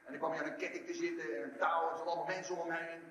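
Animated preacher in an echoey hall. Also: male voice, fairly high pitch, racing, far from the mic, slight background noise. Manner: animated, acts out the story in voices. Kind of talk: sermon. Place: large church hall.

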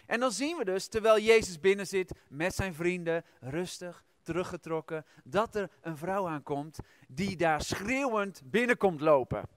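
A man preaching a sermon, retelling the scripture in lively storytelling and asking his listeners direct questions. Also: high-pitched, a little slow, no room sound.

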